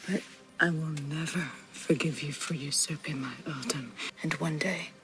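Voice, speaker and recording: A cold, vengeful noblewoman played by an actress in a historical TV drama. She speaks low, in a breathy whisper. Music plays clearly beneath her. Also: moderate pace, close to an everyday voice. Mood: cold, threatening. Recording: drama soundtrack with music behind.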